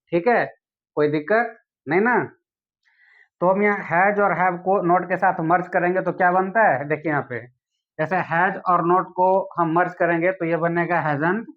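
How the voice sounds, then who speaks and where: High-voiced man teaching English. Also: phone-quality sound. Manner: repeats questions to the viewer, slow English examples. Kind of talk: spoken English lesson.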